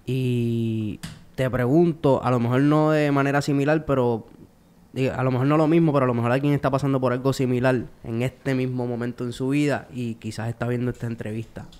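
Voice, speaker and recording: A man's voice: mid-range voice, fairly even intonation, brisk, a little mellow, clear, resonant tone. Hesitant male interview host. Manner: hesitant, restarts with "este". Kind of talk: interview questions.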